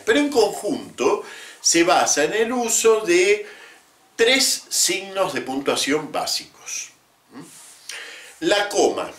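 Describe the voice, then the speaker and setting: A man teaching about the Bible in a measured lecture, often adding short tag questions. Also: fairly high pitch, fairly bright tone. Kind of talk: explanatory lecture. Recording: roomy echo.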